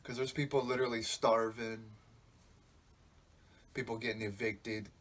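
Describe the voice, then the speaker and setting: His voice sits on the low side with little pitch movement, a bit bright and a little slow. The speaker is a podcast host in his twenties, rambling reflectively and swearing freely in a casual monologue.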